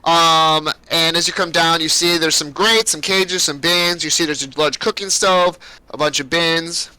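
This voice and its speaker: Bright-voiced man running a game. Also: a little high, fairly even intonation, measured pace, clear, resonant tone, poor audio. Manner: loose, rambling narration with fillers. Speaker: game master. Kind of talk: narrating a tabletop game.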